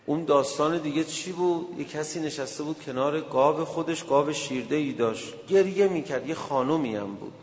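A man's voice: on the high side, few pauses. A man preaching a sermon, earnestly exhorting his listeners and retelling religious stories. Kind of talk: sermon with storytelling. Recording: reverberant hall.

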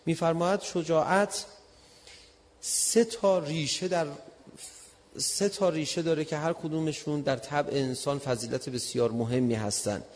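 A man preaching a sermon, telling a personal story in a lively way and acting out heated arguments. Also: on the high side. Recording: long hall reverb.

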